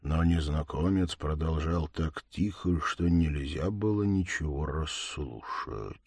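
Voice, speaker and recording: A man narrating a classic story in a lively, animated reading. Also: rumbling low, slow, gravelly, no room sound, clean studio sound.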